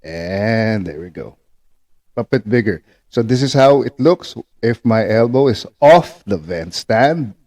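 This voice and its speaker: Speaking with a fairly low, expressive voice at a measured pace, slightly mellow, a man demonstrates ventriloquism as a teacher. He stays patient and repetitive, often adding quick tag questions to check on his listener.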